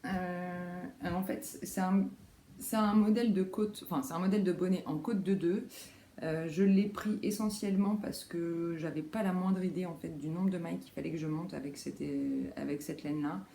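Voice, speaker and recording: Female knitting vlogger, relaxed and mellow, rambling show-and-tell delivery, roomy home recording. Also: on the low side, moderate pace, gravelly. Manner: rambling, many fillers and self-corrections. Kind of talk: casual show-and-tell chat. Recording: roomy echo, faint background noise.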